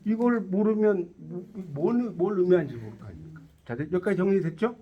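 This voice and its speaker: A man's voice: high voice, expressive, a little fast, highs cut off. A man teaching a tarot lecture to a class, quizzing his students and cracking jokes as he explains. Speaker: tarot instructor.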